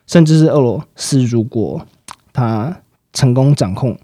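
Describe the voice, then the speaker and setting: A man explaining market outlooks in a fast, explanatory way, with frequent fillers and sentence-final particles. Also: mid-range voice, lively intonation, dark tone, no room sound, clean studio sound. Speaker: market analyst guest. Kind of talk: financial commentary chat.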